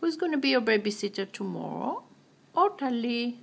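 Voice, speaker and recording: A woman's voice: fairly high pitch, sing-song, moderate pace, vocal fry, a bit bright, slightly rough. A woman talking casually to a pet parrot, repeating words in a singsong way in a home kitchen. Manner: repetitive, singsong pet-directed talk. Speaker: parrot owner. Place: small home kitchen, indoors.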